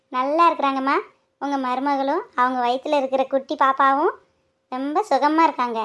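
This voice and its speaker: A woman voicing a calm young hospital nurse in a cartoon, reassuring the family in a Madurai Tamil accent. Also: high voice, normal speed. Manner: patient, reassuring. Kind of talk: cartoon voice acting.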